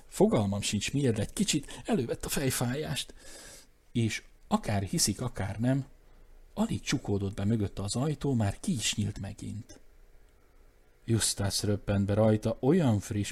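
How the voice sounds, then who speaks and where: A man narrating a comic story aloud, shifting his voice for the characters in the dialogue. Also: slightly rough. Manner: lively, shifts pitch for quoted characters. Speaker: audiobook narrator.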